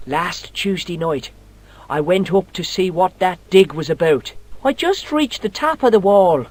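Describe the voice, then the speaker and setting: A man's voice: high-pitched, expressive, measured pace. A man voicing a cheeky, boastful Irish boy who tells tall tales in broad colloquial speech, with an Irish accent, in a video game. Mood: spooked storytelling.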